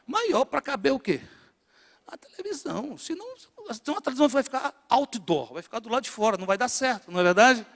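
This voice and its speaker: A middle-aged man from northeastern Brazil with a Northeastern Brazilian accent, preaching to a congregation with rhetorical questions and swings between loud and hushed. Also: extremely high pitch, sing-song, fast, vocal fry. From Natal, northeastern Brazil. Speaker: pastor. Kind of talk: sermon to a congregation. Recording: long hall reverb in a church.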